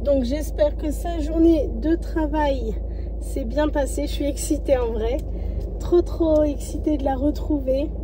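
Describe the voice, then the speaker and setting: A woman's voice: high-pitched, measured pace, noisy background. A woman vlogging casually to her viewers, talking in loose, hesitant asides and repeating herself. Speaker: family vlogger. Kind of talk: casual chatty vlog talk to viewers.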